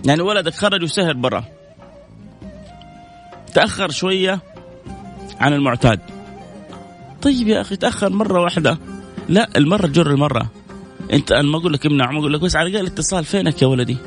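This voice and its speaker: Fast-talking radio host. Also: male voice, on the high side, animated, soft background music. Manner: earnest, preachy, reading out listener messages. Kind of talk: radio call-in advice talk.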